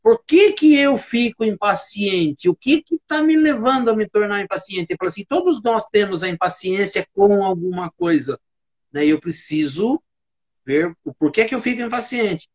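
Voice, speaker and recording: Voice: medium pitch, animated, normal speed, a little mellow, highs cut off. Reflective speaker musing aloud in a study group. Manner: reflective, asks itself questions aloud, frequent "né?". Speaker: spiritist study group participant. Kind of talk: casual talk in a spiritist study group.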